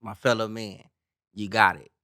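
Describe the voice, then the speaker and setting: A man's voice: lowish voice, little pitch movement, normal speed, sharp tone, no room sound, clean studio sound. A man co-hosting a podcast, talking casually in slang and often checking in with "you know what I'm saying". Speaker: podcast co-host.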